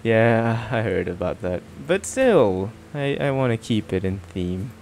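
A man's voice: on the low side, sing-song, a little slow, a little mellow, a little hiss or hum. A man streaming a video game, chatting casually in a rambling way, stammering and laughing often. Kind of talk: casual let's-play chat.

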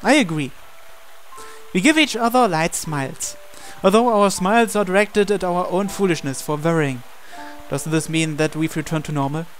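Here a higher-voiced man plays through a visual novel, reading its dialogue and narration in character as the male protagonist. His tone is fairly bright, his pace moderate, and music sits under his voice.

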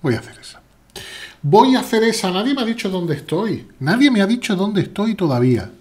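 Husky, lively-voiced man streaming chess. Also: sits high, quick pace. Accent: Spain Spanish. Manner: chatty, playful, reads chat aloud while playing. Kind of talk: live chess stream commentary.

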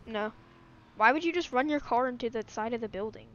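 Giggly high-voiced young woman gamer. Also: highs cut off, a little hiss or hum. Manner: excitable, giggly, quick to yelp. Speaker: gaming video co-host. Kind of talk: casual gaming chat.

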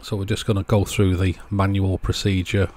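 The host of an electronics repair channel narrates a hands-on bench demonstration, explaining each step in a measured, methodical voice-over. His voice is fairly low and darkish, with a flat delivery.

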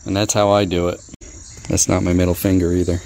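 The audio is poor, with a little hiss or hum, as a middle-aged product reviewer talks briskly in a low, darkish voice with little pitch movement. He's in a driveway casually testing gear, thinking aloud and making dry jokes, wearing an action camera on his body.

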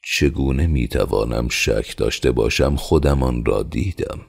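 A man voicing a slow-spoken, calm and wary male peasant who answers his overseer dryly. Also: rumbling low, vocal fry, slightly rough, exaggerated voice. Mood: guarded. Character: calm, stubborn male peasant, guarded and dry.

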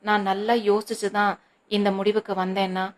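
A woman reading a novel aloud, voicing a hurt young woman who pleads softly with her brother. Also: mid-range voice, level tone, normal speed, slight background noise, lightly acted. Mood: pleading. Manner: pleading, soft, resentful.

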